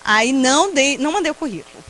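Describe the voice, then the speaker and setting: Brazilian woman, Brazilian Portuguese accent, fairly high voice with a swooping, expressive pitch, testimony speaker who laughs easily and acts out the quotes. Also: fast talker, a little hiss or hum, poor audio. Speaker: invited speaker at a prayer group. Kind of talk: personal testimony talk.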